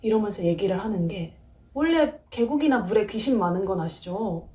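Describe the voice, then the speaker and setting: A woman telling scary stories, and she acts out the quoted lines in lively bursts. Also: mid-range voice, echoey room. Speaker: horror storyteller.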